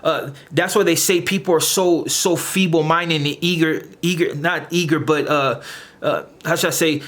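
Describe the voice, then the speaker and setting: On his own channel, a man with a fairly high, slightly bright voice talks at normal speed, ranting to camera against his critics. The tone is lecturing and confrontational, and he often stumbles, repeating words while groping for what to say.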